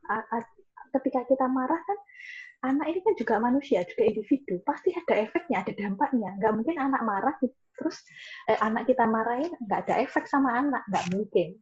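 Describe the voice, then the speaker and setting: A woman's voice: a little high, darkish tone, breathy edge, muffled recording. A woman speaking as a guest on a mental health webinar, explaining things reassuringly and repeating her key points over a video call. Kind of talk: webinar talk with audience questions.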